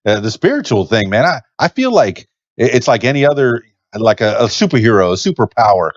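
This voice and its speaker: Very animated and talking a little fast, this medium-pitched Miami man of Cuban parentage hosts a laid-back podcast conversation. He stumbles and hesitates often and keeps addressing his guest as "man," all captured in dry, dull lo-fi audio.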